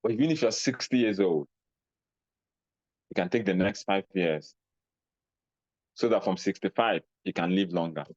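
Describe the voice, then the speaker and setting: A man with a Nigerian accent giving a motivational talk, animated, acting out little scenes in a raised voice. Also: low-pitched, normal speed, pauses often, dry recording, highs cut off. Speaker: speaker on personal finance.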